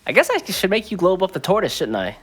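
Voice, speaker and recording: A laid-back male esports co-caster whose pitch swoops widely as he talks. He jokes and banters easily with his partner. Faint music plays behind. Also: big pitch swings, quick pace, a bit bright. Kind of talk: live esports commentary.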